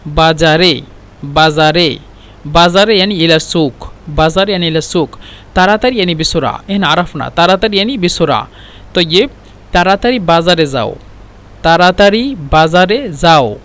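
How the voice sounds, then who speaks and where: Quick, high-voiced male language teacher. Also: a bit bright. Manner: repeats words and explains them one by one; non-native, broken Egyptian Arabic. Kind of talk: casual spoken lesson.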